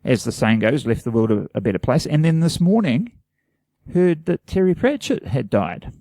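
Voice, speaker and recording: A man's voice: medium pitch, sing-song, moderate pace, warm tone, dry recording. A man from New Zealand co-hosting a podcast, chatting in an earnest, rambling, self-deprecating way. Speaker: podcast co-host. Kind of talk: casual chat.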